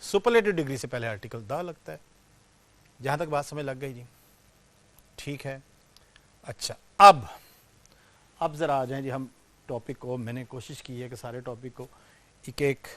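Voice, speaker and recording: A man's voice: mid-range voice, fairly bright tone. A man teaching English grammar to students, explaining step by step and checking in often with questions. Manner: volume rises and falls sharply, slows to stress example sentences. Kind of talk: classroom grammar lecture.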